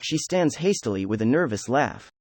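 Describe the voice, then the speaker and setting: Male audiobook narrator, steady and even, medium pitch, dry close recording. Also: normal speed, no echo. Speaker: audiobook reader. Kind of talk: fan fiction audiobook narration.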